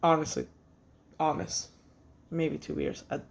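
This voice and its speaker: A woman casually telling a personal story in a vlog, halting with fillers and restarts, blunt and swearing freely. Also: low-pitched, lively intonation, gravelly. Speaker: vlogger.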